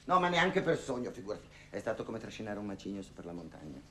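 A man's voice: lowish voice, big pitch swings, quick pace, a bit bright, slight background noise. An actor playing a lonely older woman who gossips and haggles on the phone in a theatrical monologue, sighing and wryly complaining. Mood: bargaining. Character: lonely, wry older woman hiring a dance partner.

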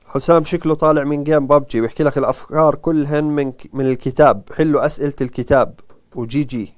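A man's voice: on the high side, fairly even intonation, quick pace. A man with a Jordanian Arabic accent reading viewer comments aloud during a live lesson, in a playful, teasing way. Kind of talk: live stream chat.

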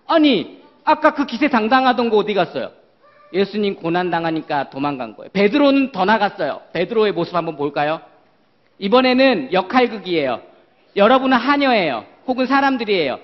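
Animated high-voiced man preaching to children. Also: dull audio. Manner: animated, questions the children often. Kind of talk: lively children's sermon with role-play. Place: church worship hall.

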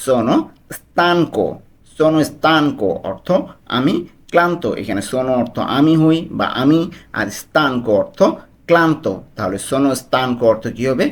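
A man with a Bangladeshi accent speaks in a voice of middling pitch, giving a video lesson. He repeats each short phrase slowly and then explains it word by word, steady and patient. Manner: slow, repetitive drilling of phrases. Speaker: language tutor.

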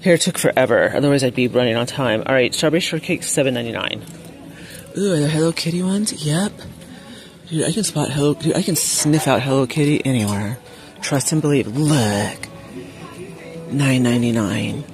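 A woman filming a shop-with-me vlog in a large store on a handheld phone, chatting excitably and reading prices aloud. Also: very deep voice, moderate pace, soft background music. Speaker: vlogger. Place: large indoor retail store. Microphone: handheld phone camera.

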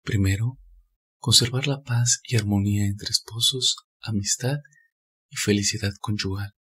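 Guy reading a spiritual script, super breathy raspy voice, kinda low. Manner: measured, steady reading. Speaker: spiritual narrator. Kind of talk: scripted narration.

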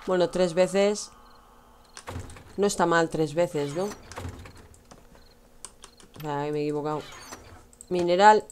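A woman's voice: lowish voice, steady tone, slow pace, long pauses, darkish tone, a little hiss or hum. A young woman with a Spanish accent from Spain, chatting and teasing her viewers while she streams a game. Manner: chatty, teasing, addresses chat, laughs often. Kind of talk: casual gameplay commentary.

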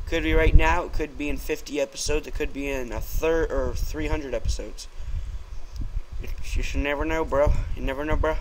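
A young man commentating his own gameplay in a casual, excitable way, yelping when startled. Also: on the high side, normal speed. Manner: jumpy, excitable, yelps when scared. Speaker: let's play gamer. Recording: noisy home recording.

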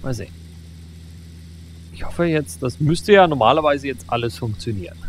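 A man hosting a let's play, giving casual gameplay commentary, excitable and talking to himself with frequent exclamations. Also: mid-range voice, normal speed, slight background noise.

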